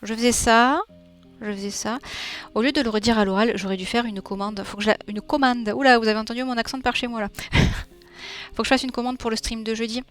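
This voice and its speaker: Woman streaming her drawing, kinda high voice, chatty, little music playing behind. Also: steady tone, fast talker, a bit bright. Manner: chatty, thinks aloud, reads the chat, playful sound effects. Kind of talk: casual livestream chat while drawing.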